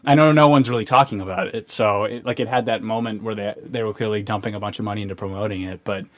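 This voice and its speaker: A man's voice: on the low side, fast talker. A young man co-hosting a casual podcast, ranting sardonically with many restarts and fillers. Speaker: podcast co-host.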